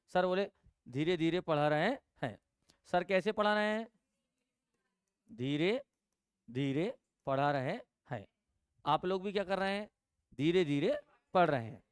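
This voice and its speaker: A male teacher from giving a classroom grammar lesson, asking the class questions, answering them himself and repeating key words slowly. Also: high-pitched, clean tone, no room sound, clean studio sound.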